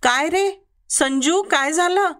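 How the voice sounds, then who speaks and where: A woman storyteller voicing the boy's father, a calm man calling down from a balcony in a raised voice, in a children's story. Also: very high voice, normal speed, pitched above the performer's own voice.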